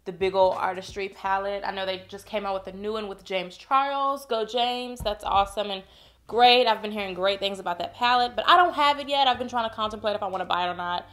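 Brisk and fairly bright, this medium-pitched woman talks her way through a casual makeup tutorial from a room at home. She's a chatty, playful beauty vlogger who addresses viewers as y'all, and she sounds slightly congested.

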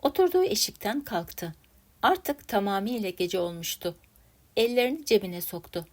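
A woman narrating a classic literary story in a measured, dramatic reading style. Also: mid-range voice, expressive. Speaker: story reader.

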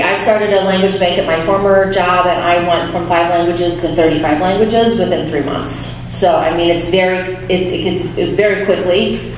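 Here a woman in her thirties with a lowish voice stands at the lectern of a small church chapel as a guest speaker for a refugee resettlement nonprofit. Her informal talk with audience questions is chatty and full of restarts and fillers. It was captured from a distant camera rather than her handheld mic, so the chapel's echo and room noise are audible.

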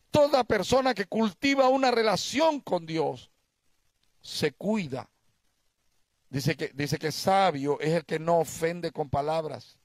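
A man's voice: high voice, dry recording. A male pastor preaching a sermon, asking the congregation questions and telling them stories.

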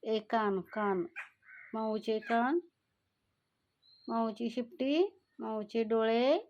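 A woman's voice: on the high side, fairly even intonation, very slow, darkish tone, muffled recording, slight background noise. A woman chatting to her pet cat, chiding and then doting on it as if it were a child. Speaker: vlogger talking to her cat. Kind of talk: casual scolding and cooing to a pet.

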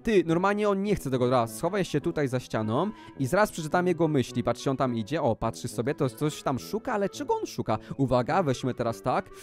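A man narrates a game role-play in an excitable, exclamatory way, his voice sitting high and leaping up and down in pitch. He keeps turning to address his viewers directly. Soft music runs faintly underneath. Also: a little fast, hardly any pauses. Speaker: gaming YouTuber. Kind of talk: Minecraft role-play commentary.

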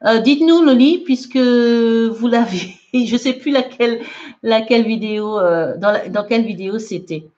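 In a voice on the high side, a little mellow, and at normal speed, this French English teacher runs a livestream lesson, reading out and correcting viewer comments in a chatty, laugh-filled mix of French and English. The audio is dull and lo-fi.

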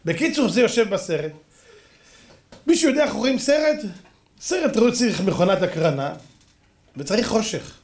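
Lively high-voiced rabbi preaching. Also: male voice, long pauses. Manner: animated storytelling, acts out voices. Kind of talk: sermon. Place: lecture hall. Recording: echoey hall.

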